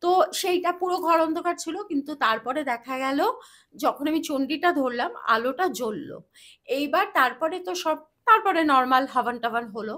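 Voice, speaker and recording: High-voiced woman telling a dramatic story. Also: lively intonation, a bit bright. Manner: dramatic storyteller, chants mantras slowly. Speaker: astrologer guest. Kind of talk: storytelling in a podcast interview.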